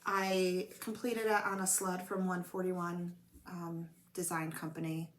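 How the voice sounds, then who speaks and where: A woman's voice: lowish voice, little pitch movement, measured pace. Chatty woman with a cold. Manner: chatty, rambling, self-deprecating. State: coughing from a cold. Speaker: flosstube host. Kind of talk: casual show-and-tell chat. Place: home room with blanketed windows.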